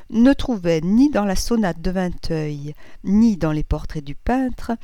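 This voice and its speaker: Mellow, low-voiced woman reading a classic novel. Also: dry recording. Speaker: audiobook reader. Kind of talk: scripted narration of a classic novel.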